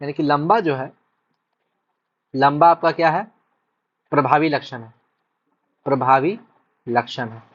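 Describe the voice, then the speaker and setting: A man's voice: a little high, measured pace, long pauses, a bit bright. A male teacher, explaining a lesson step by step, repeating points and often asking whether students have understood. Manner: repetitive, checks understanding often. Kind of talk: whiteboard-style lesson explanation. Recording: dull lo-fi recording.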